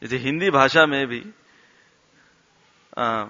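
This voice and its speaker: A man giving a devotional talk, telling stories in an animated way and acting out the quoted lines. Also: mid-range voice, takes it slowly. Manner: animated storyteller, acts out quotes and laughs along. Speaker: temple speaker. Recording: dull sound with long hall reverb.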